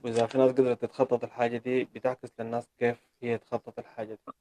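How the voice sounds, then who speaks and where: A man's voice: medium pitch, completely flat delivery, rapid-fire, warm tone, slight background noise. A man hosting a casual online chat, friendly, with short replies. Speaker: host.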